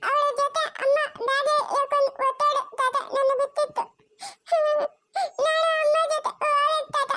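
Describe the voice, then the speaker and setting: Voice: extremely high pitch, dry recording, exaggerated voice. A performer voicing a small cartoon boy who whimpers and sobs for his mother. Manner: whimpering, sobbing. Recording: loud hiss behind the voice.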